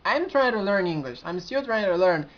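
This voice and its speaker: A young community administrator in his 20s, with a high voice that swings widely in pitch and a strong Brazilian accent, talks sincerely to his camera in a casual vlog. His speech is halting, full of restarts. The audio is dull, muffled and lo-fi, like a cheap built-in camera mic.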